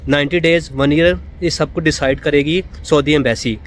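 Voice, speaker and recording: A man's voice: fairly high pitch, steady tone, moderate pace. A man from Pakistan, explaining things in a casual vlog, conversational and repetitive, mixing in English words. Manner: conversational, repeats points, mixes in English words. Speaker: vlogger. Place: in Saudi Arabia.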